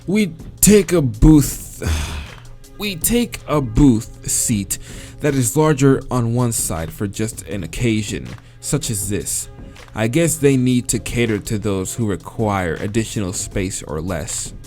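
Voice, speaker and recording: His medium-pitched, mellow voice has lively intonation, and he takes the reading slowly. Game music accompanies him as he reads a visual novel for a let's play, breaking off to curse and laugh.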